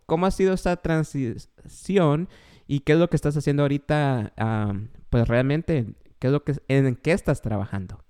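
A Guatemalan-accented man hosts his casual podcast interview, asking questions in an enthusiastic, rambling way. He's an adult, a father of a young child, and calls himself a joker. His voice sits fairly high, smooth and a little mellow, at a moderate pace.

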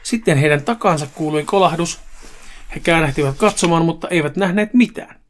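Male host, fairly high voice, reads a crude comic horror story, brisk and casual. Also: slight background noise. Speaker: podcast host.

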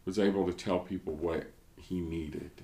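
A man's voice: deep voice, fairly even intonation, moderate pace, vocal fry, mellow, echoey room. A man from the United States, a pastor, reflecting in a casual devotional discussion and often searching for words.

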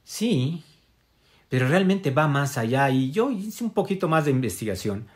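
A man's voice: a little high, very animated, moderate pace. A man giving a casual spiritual wellness talk to an audience. He speaks reflectively, with many fillers and tag questions. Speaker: motivational speaker.

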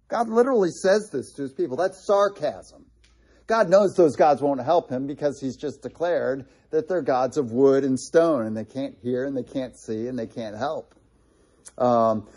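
A man's voice: mid-range voice, darkish tone. A man teaching a casual Bible study, talking conversationally with many fillers and restarts while pointing out places on a map.

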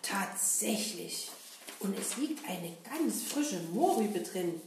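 Kasper, voiced by a woman, lively puppet hero. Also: medium pitch, slow, slight background noise. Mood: cheerful. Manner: lively, sing-song, addresses children directly. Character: cheerful brave male puppet hero Kasper. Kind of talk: children's puppet show. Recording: roomy echo.

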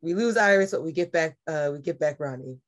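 A woman's voice: low voice, animated, a little fast. A woman co-hosting a podcast, chiming into a casual TV recap with slangy, joking asides. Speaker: podcast co-host.

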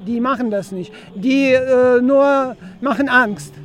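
A man's voice: very high voice, takes it slowly, fairly bright tone, soft background music. A man from Ukraine with a Ukrainian accent, giving a street interview as a protester outdoors in a city, hesitant and full of filler sounds.

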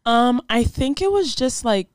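A woman's voice: on the high side, lively intonation, a little slow, darkish tone, smooth, no room sound. A young woman from Samoa, chatting casually and reminiscing in an informal way full of slang. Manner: informal, says dude and like often. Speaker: podcast guest.

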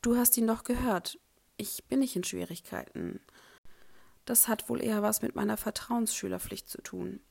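A woman voicing an anxious teenage boy at a wizard school, unsure and quietly tense. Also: on the high side, normal speed, vocal fry, slightly rough, full character voice. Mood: uneasy.

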